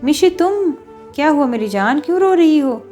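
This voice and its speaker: A woman's voice: high-pitched, lively intonation, faint music behind. Woman voicing a cold, dismissive young man. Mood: worried. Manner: blunt, dismissive.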